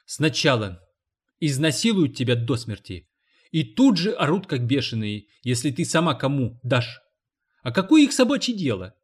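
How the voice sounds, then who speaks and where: A man putting on a shrill indignant cleaning woman. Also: big pitch swings, normal speed, slightly rough. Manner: shrill, exclaiming, scolding.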